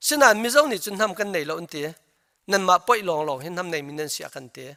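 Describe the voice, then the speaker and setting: Man, pastor, sermon, bright high voice, storytelling. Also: lively intonation, very fast.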